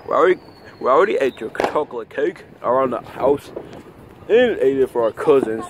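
Outdoors on grass at night, a man improvises a skit with plush toys, rambling, repeating himself, and halting as he talks. His voice is medium in pitch with lively intonation. A handheld phone camera held close captures it all in a noisy outdoor video.

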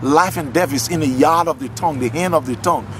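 Outdoors in a garden, trees at his back, a middle-aged man from Liberia preaches and testifies earnestly into a nearby camera. He talks fast in a high voice, repeating words as he grows more fervent, while music plays in the background.

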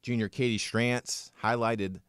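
A man's voice: mid-range voice, steady tone, a bit bright, clear, resonant tone, no echo, studio quality. A young man co-hosting a college sports podcast, running through scores and stats in an upbeat way with light banter. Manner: reads stats briskly, upbeat promo tone. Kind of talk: scripted sports recap, casual banter.

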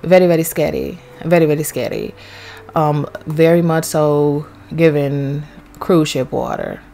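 A woman's voice: sits low, measured pace, slight background noise. A woman vlogger with a son, chatting casually and telling a story while touring a game world. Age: young adult to middle-aged, has a son. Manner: chatty, animated, swears casually. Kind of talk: casual storytelling over gameplay.

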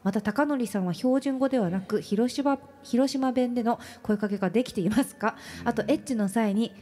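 A woman co-hosting a radio show, her voice sitting a little on the high side. She reads a listener's letter aloud and answers the others with short reactions and quick laughs. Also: warm tone. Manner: laughs easily, brief reactions. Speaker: radio co-host. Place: radio studio.

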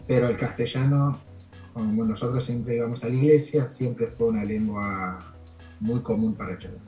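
On a video call interview, a Canadian immigration consultant whose first language is French speaks with an Argentine accent, telling stories in a relaxed, rambling way full of fillers. His voice is mid-range and moderately paced, and the lo-fi recording sounds roomy, with soft music in the background.

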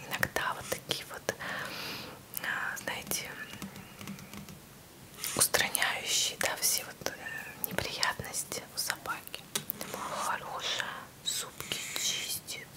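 A woman hosting ASMR in a soft, breathy whisper close to the mic, cooing tenderly and repeating words soothingly. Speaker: ASMR channel host.

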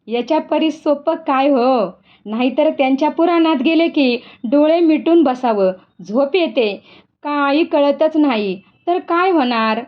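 A woman's voice: high-pitched, a little slow, highs cut off. A woman voicing an earnest devout farmer. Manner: rustic village speech.

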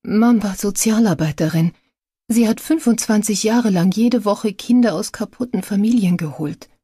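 A woman's voice: medium pitch, moderate pace, warm tone, breathy edge, no echo, studio quality, voice pushed up, natural voice. A woman reading a strained, grieving daughter. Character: grieving adult daughter of a social worker.

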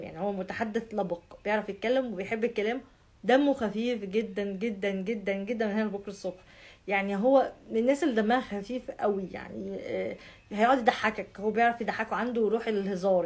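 Fast-talking Egyptian woman, emphatic and chatty. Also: medium pitch, darkish tone. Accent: Egyptian Arabic. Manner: emphatic, piles up repeated words. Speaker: astrology vlogger. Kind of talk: casual chat to viewers.

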